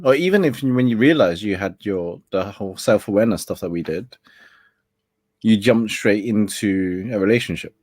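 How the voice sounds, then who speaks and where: A man's voice: fairly low pitch, animated, normal speed, darkish tone, no room sound, studio quality. A young man hosting a casual late-night chat, laid-back and laughing often as he talks. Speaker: host.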